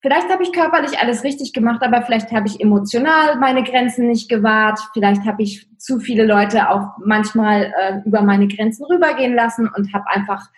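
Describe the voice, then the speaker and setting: A woman's voice: fairly high pitch, brisk, few pauses. A woman speaking as an interview guest in casual conversation, reflective and thinking aloud with many fillers. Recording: roomy echo.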